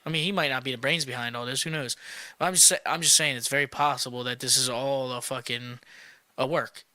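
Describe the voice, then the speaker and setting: Smooth, bright-voiced laid-back man. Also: mid-range voice, steady tone, brisk, dry recording. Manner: laid-back, skeptical, uses fillers like "you know". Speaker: podcast co-host. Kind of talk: casual sports podcast chat.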